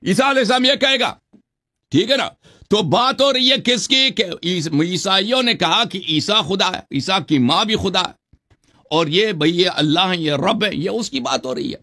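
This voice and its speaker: High, bright-voiced man, debate host, insistent, argumentative, recites verses slowly. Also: expressive. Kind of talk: heated religious debate.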